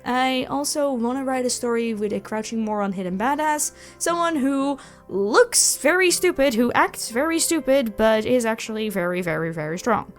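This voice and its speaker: This woman's voice is slightly high and expressive, moving at a normal speed. She hosts a channel and creates audio roleplays, talking to listeners casually and animatedly while downplaying herself, as though answering questions. Background music is audible.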